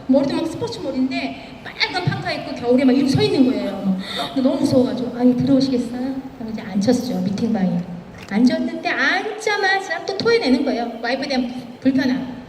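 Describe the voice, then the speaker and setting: This woman's high-pitched, animated voice is brisk and a little mellow. She is a guest speaker giving a motivational stage talk full of anecdotes, performing the quoted lines, in a large event hall. The hall echoes, she's far from the mic, and there's slight background noise.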